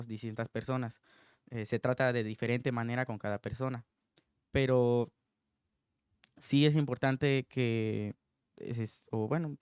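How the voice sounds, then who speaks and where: A man's voice: mid-range voice, clear, resonant tone, dry recording, clean studio sound. Earnest man giving an informal sermon. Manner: earnest, thinking aloud. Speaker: preacher.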